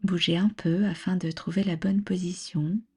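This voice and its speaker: With a lowish, fairly even voice, a woman leads a yoga nidra relaxation meditation. She speaks softly and breathily, giving gentle, measured instructions in a soothing way.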